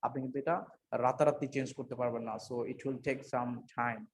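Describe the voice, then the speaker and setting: A man giving an unscripted English pronunciation lesson, mixing two languages, pausing often with fillers and correcting himself. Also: mid-range voice, fairly even intonation, background noise. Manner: hesitant, many fillers and self-corrections. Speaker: English teacher.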